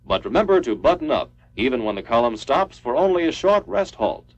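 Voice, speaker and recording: This is scripted narration for a military training film, read by an American man in a clipped, instructional way. The recording is muffled, and his medium-pitched voice is sing-song and a little fast.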